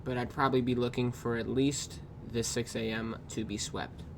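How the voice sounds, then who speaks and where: A man's voice: medium pitch, level tone, noisy background. Tired man talking over keyboard clatter. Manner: loose, unhurried, with drawn-out pauses and casual swearing. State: tired, yawning. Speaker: day trader reviewing his trades. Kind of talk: casual screen-recorded trade review. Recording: clear keyboard typing in background.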